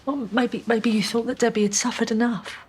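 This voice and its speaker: A woman's voice: a little high, fairly even intonation, fairly quick, breathy edge. An actress playing a frightened, tearful pregnant woman held for murder, pleading and anxious. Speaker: murder suspect in custody.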